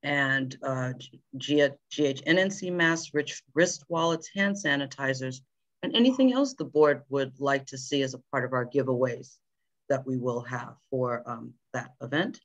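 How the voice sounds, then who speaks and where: Halting woman giving a committee report. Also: a bass voice, dull audio. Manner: halting, many fillers. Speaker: committee chair at a board meeting. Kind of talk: meeting report.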